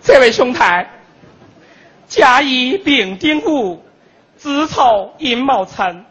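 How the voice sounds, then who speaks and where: A man playing a mock-solemn male street fortune teller who chants slow rhythmic verses, in a stage comedy routine. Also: very high-pitched, expressive, fairly bright tone, breathy edge, dull audio, exaggerated voice. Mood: chanting.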